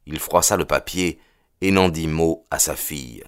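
A man reading a novel aloud as an audiobook narrator, in a measured, expressive way. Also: very deep voice, clear, resonant tone, no echo, studio quality. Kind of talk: scripted narration.

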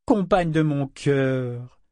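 A man's voice: fairly high pitch, lively intonation, measured pace, no room sound, studio quality, pitched above the performer's own voice. A man voicing a drugged, cruel, arrogant male governor who barks orders and mocks. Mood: mocking. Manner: barking orders, mocking, bursts into shouts.

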